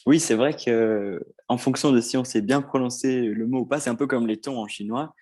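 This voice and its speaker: A man co-hosting a casual podcast explains things step by step, hesitating often. His mid-range voice is a little mellow, at normal speed, with no echo.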